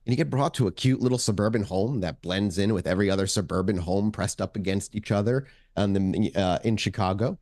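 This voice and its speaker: A man's voice: lowish voice, a little fast, few pauses, a little mellow, dry recording, studio quality. A man narrating as game master of a tabletop game, in a loose, chatty way with many fillers.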